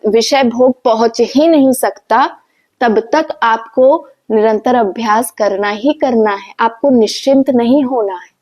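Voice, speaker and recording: A woman's voice: fairly high pitch, darkish tone. Earnest woman giving spiritual advice. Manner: earnest, instructive, asks rhetorical questions. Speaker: spiritual speaker. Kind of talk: devotional motivational talk.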